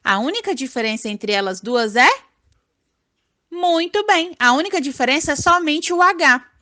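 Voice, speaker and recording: A Brazilian woman teaching young children online, her voice high and bright. She talks slowly and sounds words out syllable by syllable, her pitch swooping in a lively, sing-song way. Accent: Brazilian Portuguese. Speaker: primary school teacher.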